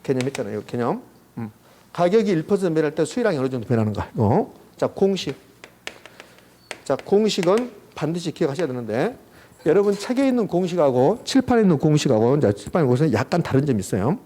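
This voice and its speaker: A man lecturing on an exam subject, walking students through a formula and quizzing them with quick rhetorical questions. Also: fairly high pitch, sing-song, mellow, a little hiss or hum. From South Korea. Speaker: real estate exam lecturer. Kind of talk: classroom lecture at a whiteboard.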